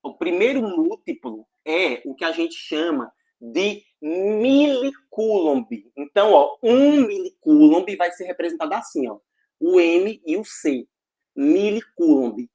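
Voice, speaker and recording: A man teaching a physics class online, energetic and jokey, full of slang and check-ins with the students. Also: a little high, unhurried, slightly rough.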